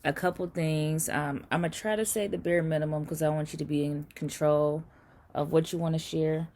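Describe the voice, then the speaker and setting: A woman hosting a casual remote interview, friendly and relaxed, with plenty of "um" and "like". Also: low-pitched, normal speed. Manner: friendly, relaxed, chatty with fillers. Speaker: interview host.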